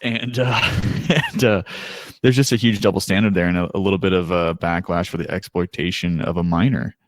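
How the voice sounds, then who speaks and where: A man with a low voice co-hosts a casual podcast chat. He talks in an easygoing, hesitant way full of ums and uhs and laughs often. The sound is dry and close. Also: steady tone, a little fast, dry recording. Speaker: podcast co-host.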